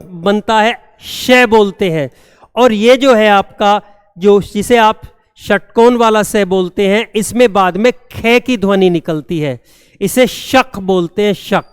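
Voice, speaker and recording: A man teaching a classroom grammar lesson, repeating each term slowly and checking that students have understood. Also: high voice, clear, resonant tone, studio quality. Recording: long hall reverb.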